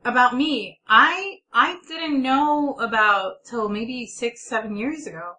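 A woman's voice: a little high, slow pace, sharp tone. A woman hosting a talk show in a casual, conversational style. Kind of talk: casual chat.

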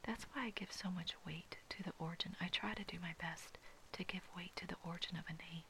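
Bright soft whisper reading scripture. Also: mid-range voice, fairly even intonation, creaky, slight background noise, low-quality recording. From Hawaii. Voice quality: fully whispered, unvoiced. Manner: slow, measured and reverent. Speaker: devotional Bible reader. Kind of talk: whispered Bible commentary.

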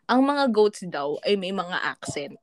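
A woman's voice: medium pitch, very animated, unhurried, no room sound, clean studio sound. A Filipino woman in casual chat, telling fun facts in a playful, giggly way. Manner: giggly, playful, mimics goat bleats. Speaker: co-host sharing fun facts.

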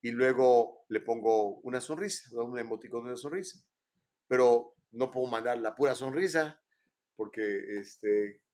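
This older host, speaking with a Mexican Spanish accent, rambles chattily through a casual live show from his house and keeps ending sentences with tag questions. His voice sits at medium pitch, a little mellow, at normal speed.

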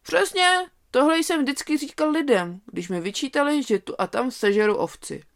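Old toothless wolf grumbling away, gravelly, a bit raised voice, read by a storyteller. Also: high-pitched, voice pushed up. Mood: indignant.

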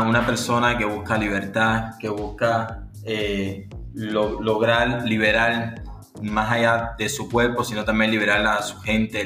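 A young Cuban man with a Cuban Spanish accent and a fairly low voice talks as an interview guest. He sounds lively, laughs easily, and stumbles over his phrasing. The room is echoey, with soft music underneath. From Cuba. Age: 20s. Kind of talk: podcast interview.

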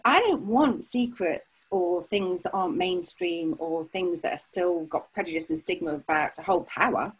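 A woman speaking as a podcast guest, telling her own story in a frank, emphatic and animated way. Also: on the low side, moderate pace, few pauses, husky, poor audio. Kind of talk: candid personal storytelling.

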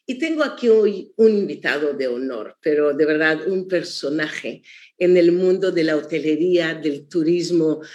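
A woman's voice: low-pitched, moderate pace, a little mellow, highs cut off. A woman hosting an interview, giving an effusive, formal introduction of her guest. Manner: effusive, lists honors at length. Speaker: interview host.

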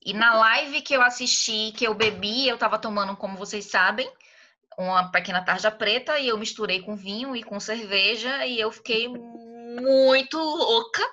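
A Brazilian woman co-host making quick, joking remarks in a casual chat. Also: fairly high pitch, pushed and bright, lo-fi sound. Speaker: podcast co-host.

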